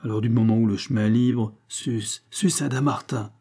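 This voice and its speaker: A man reading aloud as a gruff, bossy farmer who talks in loud, blustering bursts. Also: mid-range voice, steady tone, moderate pace.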